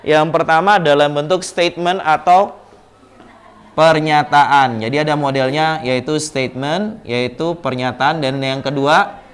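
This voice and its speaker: A man's voice: a little high, measured pace. A male English teacher with an Indonesian accent, explaining patiently in class and repeating words to drill pronunciation. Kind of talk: classroom lesson.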